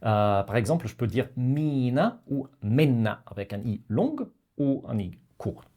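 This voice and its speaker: A man teaching pronunciation to learners, talking slowly with many pauses and hesitant fillers. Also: on the low side, animated, mellow, husky. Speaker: language teacher.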